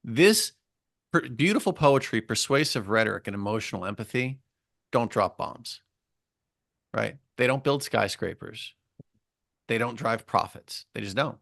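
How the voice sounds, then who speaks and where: A man's voice: medium pitch, animated, unhurried, creaky, pauses often, fairly bright tone, dry recording, clean studio sound. A man co-hosting a podcast in a casual academic discussion, talking emphatically with wry, sarcastic asides and repeated key phrases. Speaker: podcast co-host.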